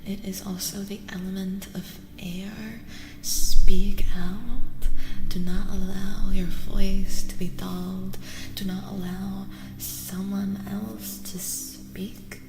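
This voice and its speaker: This is a live tarot reading in ASMR style from a streamer whose medium-pitched voice has a flat delivery. She's soft and breathy, frequently slipping into a whisper, unhurried and gentle, with repeated phrases. A reverberant room and faint noise color the recording.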